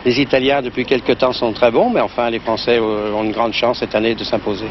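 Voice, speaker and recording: A male coach answers interview questions methodically, laying things out point by point. The recording is muffled old outdoor news footage, with clear traffic noise behind him. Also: medium pitch, fairly even intonation, a little fast.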